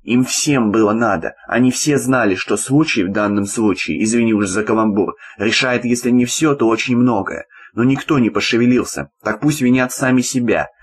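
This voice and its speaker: A man's voice: medium pitch, normal speed, few pauses, slightly rough, close to an everyday voice. A man reads the part of a stern middle-aged boss, dry and blunt, who lectures his young worker in a plain, level storybook voice. He keeps the sarcasm understated rather than theatrical. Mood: lecturing.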